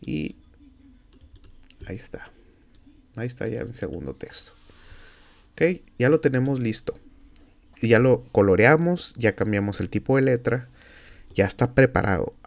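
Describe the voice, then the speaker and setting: A man with a Mexican Spanish accent teaching a software tutorial as a university instructor, explaining each step aloud with fillers and self-corrections. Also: mid-range voice, very animated, measured pace, creaky, long pauses. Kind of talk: screen-recorded software tutorial.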